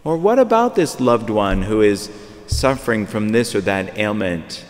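A man's voice: lowish voice, very animated, unhurried. A man in his fifties preaching a sermon from a pulpit, talking conversationally and repeating phrases as he searches for words. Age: 50s. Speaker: priest. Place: large church, at a pulpit. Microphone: far camera. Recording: long church reverb.

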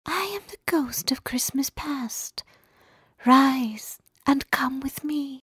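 A woman doing a soft, hushed childlike ghost. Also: high voice, slow, no room sound, pitched above the performer's own voice. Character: gentle childlike ghost of the past.

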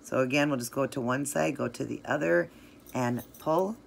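A middle-aged woman hosts a casual nail art tutorial, chatting eagerly through each step and gushing over the colors. Her voice is a rumbling low with vocal fry at a moderate pace, and there's slight background noise.

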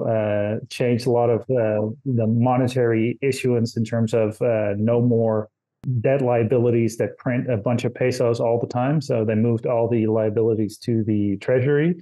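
A man from the Netherlands, a guest in a casual interview, speaking slowly with many "uh" fillers. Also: medium pitch, warm tone.

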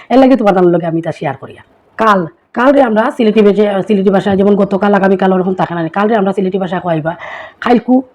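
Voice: mid-range voice, darkish tone. A vlogger with a Sylheti accent talks straight to viewers in a loose, casual way. They explain one word after another and keep tossing rhetorical questions at the audience. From Karimganj, Assam, India. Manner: chatty, keeps asking listeners rhetorical questions. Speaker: small content creator.

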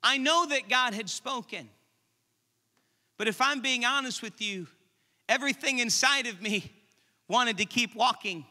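High-voiced impassioned man preaching in a church hall. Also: unhurried, pauses often, bright, forceful tone. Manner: impassioned preaching, building to raised intensity. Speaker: pastor. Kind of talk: sermon. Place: church sanctuary. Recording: long hall reverb from church.

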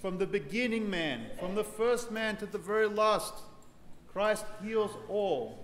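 A man in his thirties, a priest, giving an earnest sermon in a large church, unhurried, building to joyful emphasis. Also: high-pitched, animated, fairly bright tone. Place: large ornate church with congregation. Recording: echoey church hall, reverb, faint ambience.

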